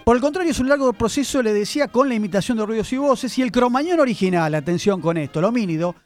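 A man hosts a radio column about where words come from, speaking in a high, very animated voice that jumps up and down as he spins his tale. Faint music plays behind him in the studio. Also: fast. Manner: chatty, animated storyteller addressing listeners. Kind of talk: radio segment on word origins.

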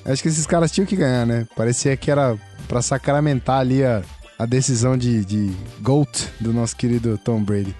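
A man with a Brazilian accent co-hosting a casual sports chat, relaxed and steering the conversation along. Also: mid-range voice, brisk, faint music behind. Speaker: podcast co-host.

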